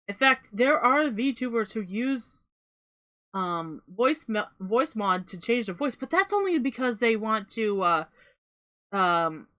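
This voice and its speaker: A woman's voice: medium pitch, a bit bright. A young woman giving an emphatic reaction commentary, repeating her points and swearing now and then.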